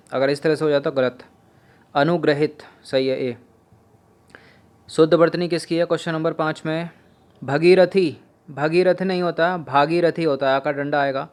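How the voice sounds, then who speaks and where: A man leads an exam-prep spelling lesson in a voice a little higher than most. He says each word several times and asks his students how it is written. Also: clear, resonant tone. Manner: drills words by repeating them, asks students questions. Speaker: teacher.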